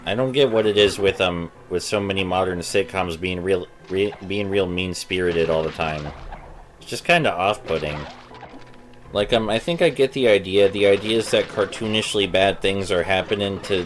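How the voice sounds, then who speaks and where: A man giving casual, rambling, somewhat hesitant video game commentary as a Let's Play host. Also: low-pitched. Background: video game music.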